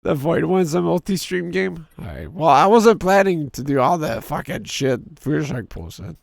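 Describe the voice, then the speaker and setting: Slow-talking and lively in pitch, a man in his thirties reads story text aloud while streaming a game, shifting into a deep storyteller voice for the narration. A sore throat makes him hoarse and gravelly. The sound is close and dry, without echo.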